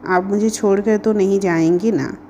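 A woman's voice: mid-range voice, fairly even intonation, normal speed, warm tone, muffled recording, a little hiss or hum, natural voice. A woman reading as Nandini, an innocent little girl.

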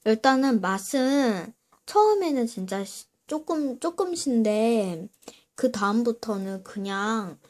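A woman's voice: fairly high pitch, sing-song, slow pace, darkish tone. A woman hosting a casual eating video, chatting to viewers between bites of sour candy. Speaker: mukbang video host.

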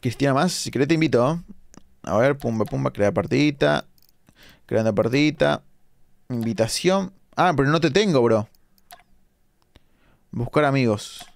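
A young Argentine man with a Rioplatense accent and a medium-pitched voice talks casually through a late-night game stream. He reads viewer comments aloud and keeps up a chatty stream of asides. The sound is dry and close, with no room echo. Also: lively intonation, normal speed, creaky, pauses often. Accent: Rioplatense Argentine Spanish. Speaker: live-streaming gamer. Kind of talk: casual live-stream commentary reading chat.

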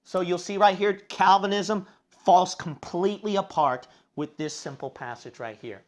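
A man's voice: high voice, normal speed. A man preaching a sermon, reading scripture aloud and pressing his points with repeated rhetorical questions. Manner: emphatic, fires rhetorical questions at listeners; reads scripture aloud in King James wording. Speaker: Bible preacher.

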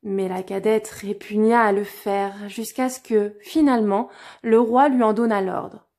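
A woman storyteller reading a fairy tale aloud in a clear, expressive way. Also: medium pitch, a little slow.

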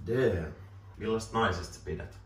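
A man in his twenties hosting a casual joking interview, laughing often and reading questions off a phone in a small room. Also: on the low side. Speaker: host asking questions. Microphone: camera mic from a distance. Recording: roomy distant camera audio, faint hiss.

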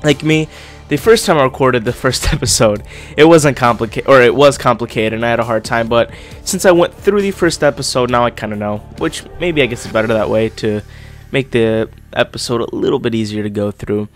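A man's voice: medium pitch, a little fast, few pauses, faint music behind. Casual young guy gamer with swollen lip. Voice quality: slightly congested, speaking with a swollen lip. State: getting over being sick. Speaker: gaming YouTuber, host. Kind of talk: casual let's-play commentary.

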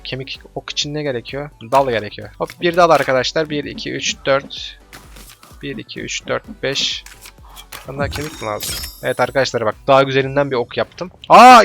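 Fast-talking man gaming. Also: on the high side, creaky. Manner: excited, swears and shouts at enemies; talks straight to viewers as "arkadaşlar". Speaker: let's play gamer. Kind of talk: casual gameplay commentary.

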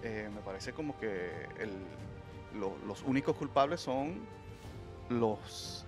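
A man's voice: medium pitch, lively intonation, slow pace, over music. A man, hosting a heated panel debate in a studio and speaking emphatically. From Dominican Republic. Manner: emphatic, gestures a lot, interrupts to steer. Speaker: host. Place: dark studio. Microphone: desk mic on boom arm.

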